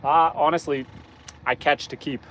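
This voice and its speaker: Hoarse and losing his voice, an adult Canadian outdoors host with young kids chats in a relaxed way with viewers by name during a fishing livestream from his boat on a rainy lake. His voice sits on the high side, a bit bright, with a steady tone at normal speed. The wind and boat motor are heard throughout the windy stream.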